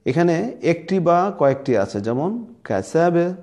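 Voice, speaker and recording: A man with a Bangladeshi Bengali accent leads a recitation lesson at a slow, patient pace. His voice is dark and mellow, and he stops often to sound out single letters and words several times. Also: fairly high pitch, big pitch swings. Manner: demonstrates letters and words aloud, repeating them. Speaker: Quran recitation teacher.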